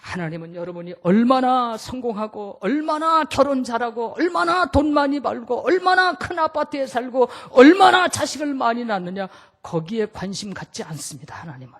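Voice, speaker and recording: A man, a pastor, preaching a sermon in a church, emphatic and swinging between loud shouts and quiet lines. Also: extremely high pitch, expressive, normal speed. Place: church sanctuary.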